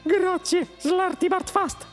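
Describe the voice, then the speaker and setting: A little male mouse with a very high, piping voice who cuts people off briskly. His tone is businesslike and dismissive. Faint music hums underneath. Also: steady tone. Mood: curt.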